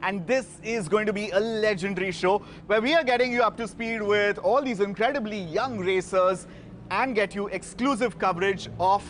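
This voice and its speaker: A man with an Indian accent hosting a show and quiz in a lively, playful, jokey way. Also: sits high, normal speed. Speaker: show host.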